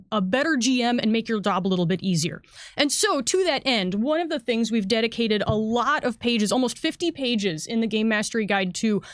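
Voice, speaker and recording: A woman with a fairly high voice chats through a product walkthrough on a livestream as a game designer and editor, correcting herself as she goes. The studio sound is clean, with no room sound.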